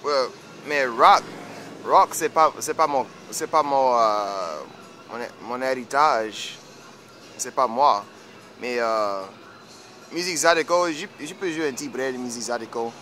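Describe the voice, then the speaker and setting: His mid-range voice is unhurried yet pushed and bright, a twenty-something fiddler from Texas with a Cajun-Creole Louisiana French accent being interviewed. Casual and searching for words, he speaks outside in a yard along a house and street. A camera mic a short distance off picks him up with plenty of outdoor noise.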